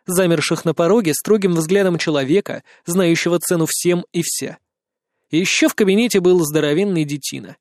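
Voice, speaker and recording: A man narrating a first-person audiobook in an expressive, dramatic storytelling manner. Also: sits high, dry recording, clean studio sound.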